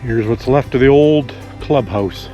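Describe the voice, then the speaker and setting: A man vlogging outdoors on a country walk, musing aloud in a relaxed, rambling way with pauses as he thinks. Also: medium pitch, lo-fi sound, faint music behind. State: out of breath after a steep climb.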